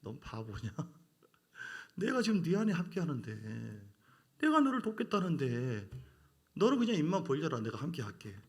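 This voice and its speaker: A pastor putting on God scolding a doubter. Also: male voice, on the high side, huge pitch swings, moderate pace. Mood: chiding. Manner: blunt, chiding. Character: God scolding a doubting believer, blunt and fatherly.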